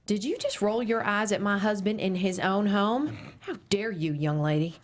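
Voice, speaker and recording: At a table read, an actress voices Sally, a bossy middle-aged Midwestern mom who is prim and scolding and substitutes tame words for swear words. Her voice is mid-range, natural and animated, delivered at normal speed.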